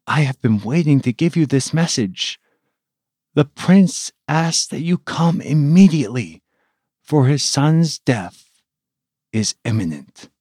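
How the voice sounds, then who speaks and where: A man's voice: a little high, animated, takes it slowly, mellow, husky, no room sound, studio quality, voice pushed up, full character voice. A man voicing a prince's male servant in a spoken story, delivering an urgent message anxiously.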